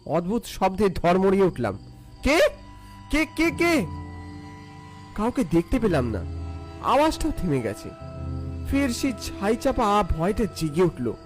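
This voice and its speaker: A man's voice: high voice, sing-song, moderate pace, soft background music. A man narrating a scripted first-person ghost story in a theatrical, suspenseful way.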